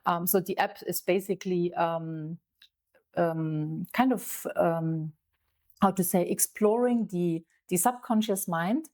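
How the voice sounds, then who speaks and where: A woman hosts an interview podcast, speaking slowly and haltingly. Her voice sits a little low, and she fills her pauses with ums and uhs as she introduces her guest. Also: darkish tone. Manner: slow, hesitant, many fillers. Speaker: podcast host.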